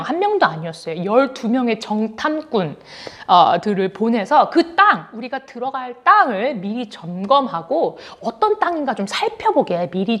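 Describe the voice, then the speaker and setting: A young woman giving a children's sermon in an animated storytelling way, acting out what people said and laughing as she tells it. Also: on the high side. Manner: animated, acts out quotes, laughs while telling. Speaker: children's ministry preacher.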